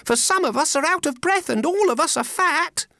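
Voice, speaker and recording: A man's voice: animated, moderate pace, bright, forceful tone, no room sound, heavily acted. A man voicing naive, eager little oysters from a storybook poem, plaintive and childlike as they cry out. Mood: breathless protest. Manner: high, plaintive, childlike crying out. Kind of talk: storybook verse character reading.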